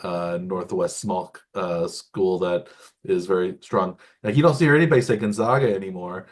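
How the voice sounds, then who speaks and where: A man's voice: deep voice, moderate pace. Rambling man chatting sports picks. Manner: rambling, many restarts and fillers. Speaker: podcast co-host. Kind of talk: casual sports chat.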